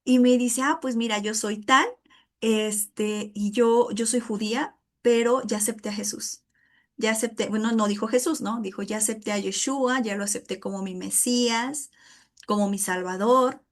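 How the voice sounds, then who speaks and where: A middle-aged woman teaching a Bible study in a conversational way, often calling listeners "brother" and filling pauses. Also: fairly high pitch, fairly even intonation. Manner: chatty, addresses listeners as "hermano", many fillers like "este".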